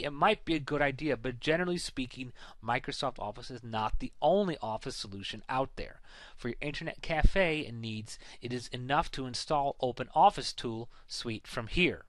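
A man giving a scripted, instructive voice-over for a software tutorial slideshow, in a plain, reassuring way. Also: medium pitch, no room sound. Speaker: tech tutorial narrator.

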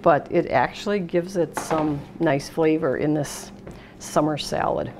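With a deep voice and a measured pace, a middle-aged American woman hosts a relaxed cooking demo, explaining each step unhurriedly as she works. She is in an indoor kitchen at a steel worktop. The audio carries clattering dishes and noisy room sound.

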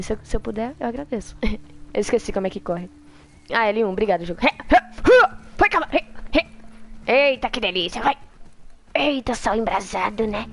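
Brazilian woman streamer, high bright voice, excitable and laughing, game music behind. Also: creaky. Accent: Brazilian Portuguese. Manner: excitable, laughing, sprinkling in English words; playfully hushing viewers, mock-dramatic. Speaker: streamer playing a video game. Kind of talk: live gameplay commentary. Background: game music playing.

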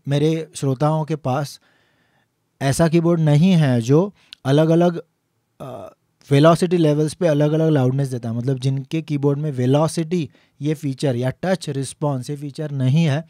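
A man teaching piano, explaining each step patiently and slowly singing the note names as he plays. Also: a little high, dark tone, no echo, clean studio sound. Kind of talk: instructional lesson.

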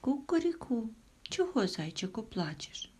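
A brave, boastful rooster, as a woman storyteller puts him on, crowing high and shouting his threats. The voice is husky and breathy underneath, bold and cocky in a children's storybook reading. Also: sing-song, measured pace, heavily acted.

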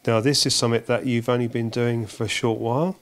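Speaking quickly in a steady, medium-pitched voice, this middle-aged English channel host questions a mechanic in an indoor motorcycle workshop. He uses a windscreened handheld microphone and keeps nudging along with eager tag questions.

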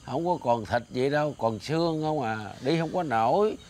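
A man's voice: mid-range voice, expressive, normal speed, darkish tone, natural voice. A man playing a grumbling jealous Southern uncle. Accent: Southern Vietnamese. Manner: grumbling, accusing, theatrical. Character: jealous, grumbling middle-aged man, sulky and scheming. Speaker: jealous older man in a comedy sketch. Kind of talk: southern Vietnamese comedy sketch acting. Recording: music bed under the dialogue.

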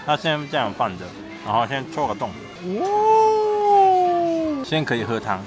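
Loud music backs a fast-talking young Japanese vlogger whose mid-range voice carries casual travel and food chat. Japanese is his native language, and his Mandarin has a Japanese accent.

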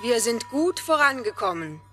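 An actress playing a regal, cold Snow Queen in a fairy-tale audio play, measured and commanding as she lures. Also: a little high, big pitch swings, pushed and bright, faint music behind. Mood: calm, commanding.

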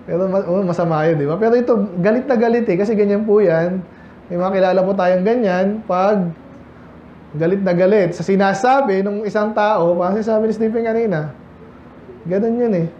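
A male pastor with a Filipino accent preaches in a loose, conversational style, dropping English scripture into his talk. His voice sits high but sounds mellow. The recording is echoey and a little dull, as if picked up in a church hall. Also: a little hiss or hum. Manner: conversational, mixes English Bible verses into talk. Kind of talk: sermon.

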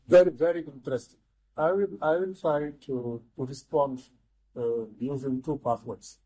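Older man, husky voice, mellow tone, slightly raised pitch, studio interview guest. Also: fairly even intonation, poor audio. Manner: measured, restarts and repeats words often. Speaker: guest economist. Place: TV studio, seated in armchair.

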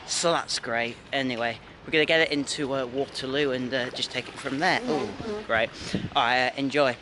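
A man's voice: medium pitch, fairly even intonation, normal speed, background noise. A young man from England chatting casually to camera as a train vlogger, upbeat and full of fillers, filmed at arm's length in stations and carriages. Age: young adult. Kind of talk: casual vlog narration. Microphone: handheld camera at arm's length.

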